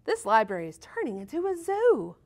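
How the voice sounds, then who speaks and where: Lady doing a little storybook boy, higher voice, bouncy and animated. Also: fairly quick, exaggerated voice. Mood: polite. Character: small boy, polite but growing frustrated.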